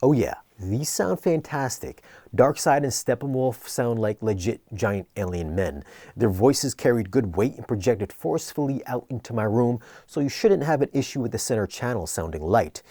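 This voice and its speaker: A man narrating an equipment review in a conversational but scripted, measured, explanatory way. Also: mid-range voice, expressive, warm tone, no room sound, clean studio sound.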